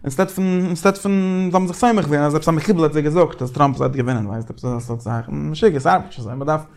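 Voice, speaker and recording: A man leading a casual Talmudic study discussion, animated and repeating phrases as he thinks aloud. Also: on the high side, quick pace, vocal fry.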